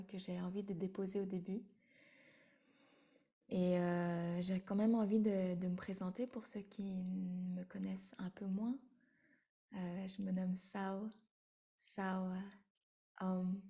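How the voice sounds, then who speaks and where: A woman in her thirties from Vietnam, giving a halting, meditative spiritual talk as the teacher who leads a sharing circle, with many pauses and repeated words. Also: mid-range voice, level tone, creaky, warm tone. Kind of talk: spiritual talk to an online audience.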